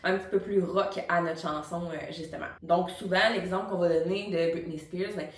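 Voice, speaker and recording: A woman's voice: fairly low pitch, fairly even intonation, moderate pace, a little hiss or hum. Echoey, distant-miked Quebec French woman teaching. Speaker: singing teacher and vocal coach. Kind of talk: tutorial explanation to camera. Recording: roomy echo, distant microphone.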